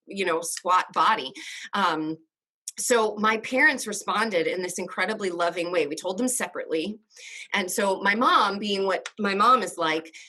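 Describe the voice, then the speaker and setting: Woman, forties, interview guest, earnest, emotional, quick-talking storyteller, medium pitch. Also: sharp tone.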